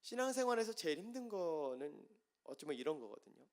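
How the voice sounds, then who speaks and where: A man preaching a sermon as pastor, moving from soft explaining to loud impassioned pleading. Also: fairly high pitch, very animated, brisk.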